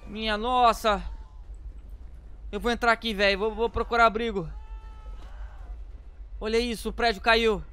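A man with a Brazilian accent giving excitable gameplay commentary, often shouting and using slang. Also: high voice, measured pace, pauses often, clear, resonant tone. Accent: Brazilian Portuguese. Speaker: gameplay youtuber.

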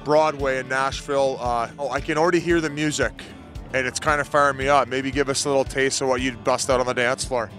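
A man's voice: mid-range voice, steady tone, brisk, a bit bright, soft background music. A man in his thirties hosting a casual street interview outdoors with a handheld mic, full of teasing, joking banter. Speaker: host.

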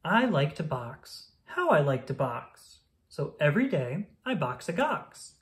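A woman reading a rhyming children's picture book aloud in a playful, sing-song, expressive manner. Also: low-pitched, a little slow.

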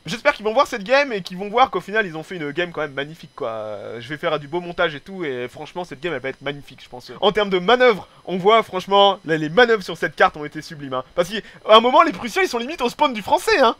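An excitable man commentating a game replay at a rapid clip. His voice sits high and bright, and he swears casually as he goes. He stumbles and restarts his phrases often. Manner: excitable, swears casually, peppers speech with "hein"; hesitant restarts and repeated words.

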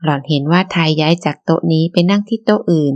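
Woman narrating a novel, low voice. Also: fast talker, dry recording, highs cut off. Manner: steady storytelling. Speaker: audiobook narrator.

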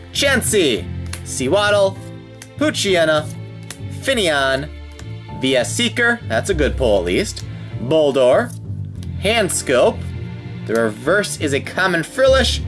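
A man hosting a card unboxing in casual commentary, with an animated, sing-song way of calling out items. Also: fairly high pitch. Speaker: host of a trading card unboxing channel. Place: indoors at a tabletop set.

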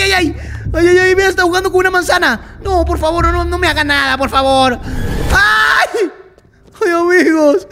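A man giving excited let's-play commentary, chatting to viewers as friends and yelping at scares. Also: very high-pitched, a little hiss or hum. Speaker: gaming YouTuber.

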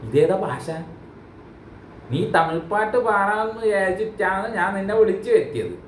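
A man's voice: high-pitched, lively intonation, normal speed, roomy sound, slight background noise, poor audio. A man hosting a reaction video, joking and teasing in mock outrage. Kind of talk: casual comic commentary.

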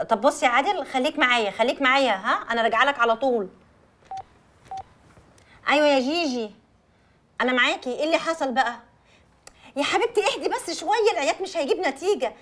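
An actress playing a calm young best friend who soothes and coaxes, speaking with an Egyptian accent. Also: female voice, high voice. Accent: Egyptian Arabic. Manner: soothing, coaxing, playful. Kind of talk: Egyptian film acting.

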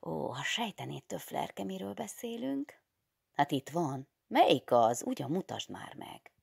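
Egy nő olvassa fel egy pletykás, lelkes fiatal férjes asszony szavait egy hangoskönyvben. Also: female voice, deep voice, big pitch swings, gravelly, darkish tone, slightly rough, no echo, clean studio sound, pitched above the performer's own voice, exaggerated voice. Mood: cheerful gossip. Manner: gushing, teasing matchmaker chatter. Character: chatty, gossipy young married woman.

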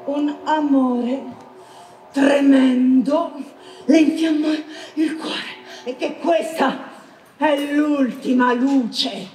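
A woman acting a proud, menacing deity in a Greek stage tragedy, in grand drawn-out declamation. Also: high-pitched, darkish tone. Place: large outdoor theatre at night. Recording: echoey open-air stage, distant mic, music. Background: music.

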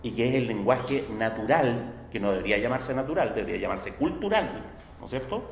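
A man with a Chilean accent gives a university philosophy lecture in a conversational style, checking that students follow with tag questions. His voice is animated, fairly quick and creaky, and he acts out quoted voices with sharp jumps in pitch. It's recorded in an echoey lecture hall with faint background noise.

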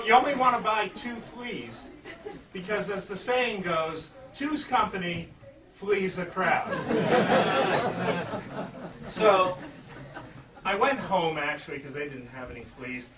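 A man performing live stage comedy as a playful, grandiose flea circus showman, pattering to an audience with puns and mock announcements. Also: sits high. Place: live indoor show before an audience. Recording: noisy, echoey room, distant mic.

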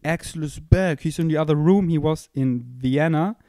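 A young podcast host sits on a couch indoors, holding a microphone close as he rambles in a playful, self-mocking monologue, thinking aloud. His voice is fairly high with a dark tone at a moderate pace, and there's no room sound.

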